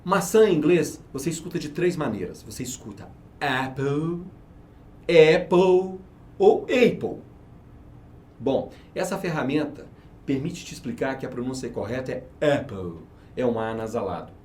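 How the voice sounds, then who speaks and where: A man's voice: mid-range voice, lively intonation, fairly quick, a little mellow. Emphatic man explaining, faint hiss. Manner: emphatic, persuasive, asks himself rhetorical questions. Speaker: research and market manager, interview guest. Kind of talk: explanatory interview talk.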